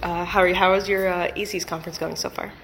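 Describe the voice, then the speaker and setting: A woman's voice: fairly low pitch, level tone, fast talker, a bit bright, soft background music, low-quality recording. A woman hosting an interview, asking casual questions with many fillers. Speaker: podcast host.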